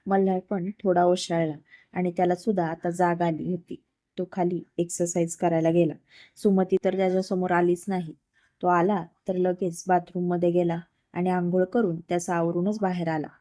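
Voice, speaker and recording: A woman storyteller reading a romance story aloud in an even, unhurried way. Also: on the low side, no room sound.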